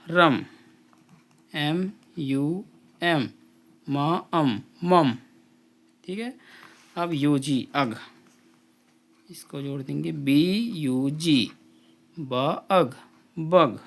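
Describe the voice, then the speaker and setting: A man teaching an English phonics drill, spelling out letters and blending each sound slowly with repetition. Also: on the high side. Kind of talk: slow phonics drill lesson.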